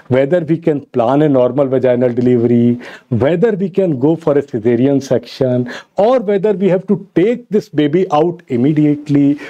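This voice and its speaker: A man's voice: on the high side, mellow, lo-fi sound. A middle-aged man with a North Indian accent teaching an exam-prep medical lecture, repeating key phrases for emphasis and mixing English with Hindi. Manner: switches between English and Hindi. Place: indoor studio in front of a slide screen.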